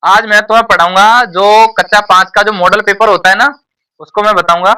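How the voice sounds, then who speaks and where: A man's voice: high voice, fairly even intonation, a little fast, sharp tone, smooth, far from the mic. A man teaching an exam-prep lesson to a class, repeating each point and quizzing the pupils. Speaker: tuition teacher.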